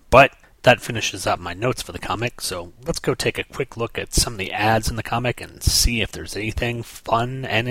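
A man's voice: fairly low pitch, fairly bright tone, dry recording. A man hosting a podcast, reviewing a comic book page by page in casual commentary with wry, sarcastic asides.

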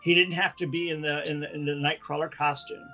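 Male podcast co-host, casual comics chat, rambling, higher-pitched. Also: little pitch movement, brisk, pushed and bright, dull audio, soft background music. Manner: chatty, rambling with restarts.

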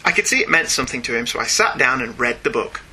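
Talking fast in a husky mid-range voice, this podcast host has a Northern English accent and comes from northern England. On his casual comics show he reads out listener emails, staying animated and jokey and wandering off into asides.

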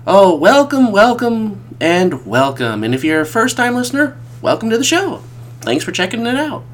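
A man's voice: high-pitched, normal speed, slight background noise. A man from the American Midwest hosting a casual podcast, stuffed up from a cold, rambling and correcting himself as he goes. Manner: rambling, animated, self-correcting. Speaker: podcast host.

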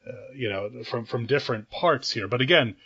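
A man's voice: medium pitch, a little fast, fairly bright tone, slightly rough, muffled recording. A man co-hosting a podcast, talking through an album thoughtfully with many restarts and fillers. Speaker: podcast co-host. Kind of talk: casual album discussion.

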